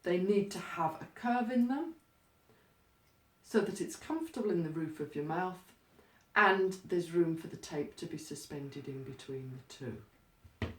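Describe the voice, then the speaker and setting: Woman doing a practical craft how-to, deepish voice, bit far from the mic. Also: animated, unhurried. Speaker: craft instructor. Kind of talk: step-by-step how-to demonstration. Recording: roomy, echoey, distant microphone.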